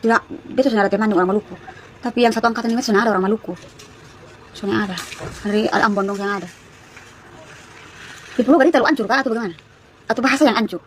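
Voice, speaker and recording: A livestream host from East Nusa Tenggara, Indonesia, a young woman with a Kupang Malay accent, talks very fast in a fairly high voice, with long pauses and slight background noise. She chats casually on her phone, greeting viewers by name and laughing often.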